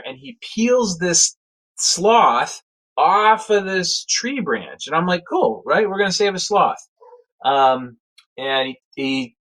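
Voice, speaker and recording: A man telling a casual spoken anecdote in a rambling, animated way, full of fillers and restarts. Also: a little high, poor audio. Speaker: storyteller.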